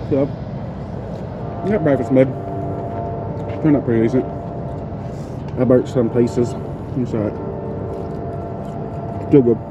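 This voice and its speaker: A man's voice: mid-range voice, slow pace, long pauses, noisy background. A man, joking and chatting casually on a family camping vlog. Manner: joking, self-deprecating, drawling chat. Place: campsite outdoors, then park gift shop.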